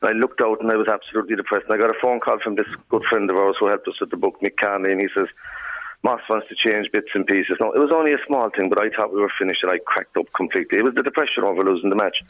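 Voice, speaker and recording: Over a narrow, tinny telephone line comes an Irishman with a Kerry accent and a lowish voice. He talks briskly, spinning anecdotes with a storyteller's lilt. His manner is wry and colloquial. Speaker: writer and interview guest. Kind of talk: lilting, anecdotal storytelling in casual chat. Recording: tinny, band-limited phone line.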